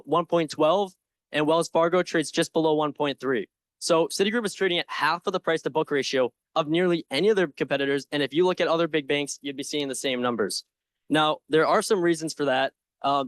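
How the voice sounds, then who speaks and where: A young man delivers a prepared pitch in a confident, earnest way. His voice sits a little higher than average for a man. He slips into informal phrasing now and then, and the sound is very dry, with hardly any room in it. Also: no room sound. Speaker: presenter in a stock pitch competition. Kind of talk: prepared slide presentation pitching an investment.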